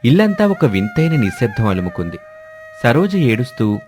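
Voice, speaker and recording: A man narrating an animated family story in a storytelling manner. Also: mid-range voice, normal speed, faint music behind.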